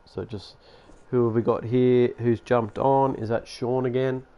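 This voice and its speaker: A man's voice: medium pitch, steady tone, measured pace, highs cut off. A man giving casual, sarcastic commentary while playing a basketball management game. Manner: chatty, sarcastic, grumbles at the game. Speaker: gaming YouTuber.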